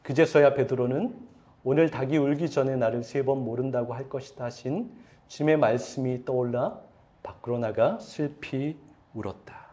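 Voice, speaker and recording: A pastor preaches to his congregation with strong emotion, addressing them directly and asking them questions. His mid-range voice is mellow and moves at a normal speed, swelling in intensity as he voices quoted pleas.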